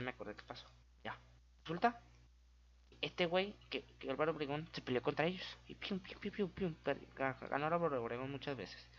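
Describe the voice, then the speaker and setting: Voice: mid-range voice, fairly bright tone, highs cut off. Una voz con acento mexicano explica historia en tono relajado y juguetón, con efectos de sonido hechos con la boca y autocorrecciones constantes. La entonación sube y baja con mucha viveza. La grabación suena apagada y de baja calidad. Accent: Mexican Spanish. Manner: goofy and chatty, with sound effects and self-corrections. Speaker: YouTuber explaining history. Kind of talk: casual, playful history explainer.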